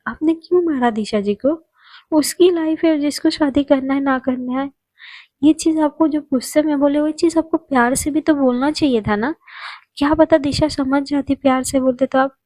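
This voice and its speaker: A woman storyteller voicing a naive, gentle young woman who pleads with her partner in a raised, higher voice. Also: moderate pace, no echo, natural voice. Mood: pleading.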